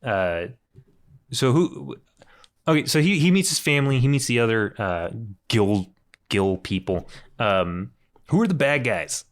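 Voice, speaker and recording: A man co-hosting a comedy podcast, pitching story ideas in a rambling, halting way. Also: animated. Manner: rambling, halting, thinks aloud. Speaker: podcast co-host. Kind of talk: casual comedic chat.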